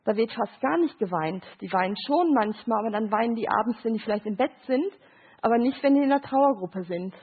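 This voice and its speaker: A middle-aged woman with a high, husky voice lectures as a grief counselor. She walks listeners through picture cards, acting out short quoted voices and often checking in with a quick "Ja?". The sound is thin and phone-like. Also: lively intonation. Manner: explains with short examples and quoted voices, asks "Ja?". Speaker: grief counselor giving a talk.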